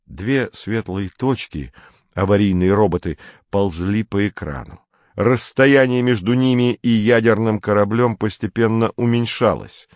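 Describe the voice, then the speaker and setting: A man reading a story aloud in an even, measured way. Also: lowish voice, no echo, dull audio. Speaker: narrator. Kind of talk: audiobook narration.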